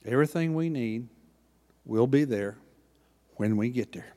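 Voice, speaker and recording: The pastor's Oklahoma accent colors a folksy church sermon delivered a little slowly. He alternates between hushed, low passages and loud swells, and his voice trails off in long reverb.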